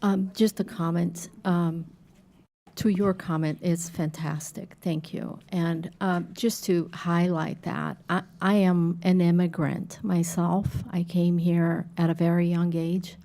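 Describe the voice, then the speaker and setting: A woman on an arts commission, making a slow, deliberate, heartfelt comment at a public meeting. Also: fairly low pitch, little pitch movement, dark tone. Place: city council chamber.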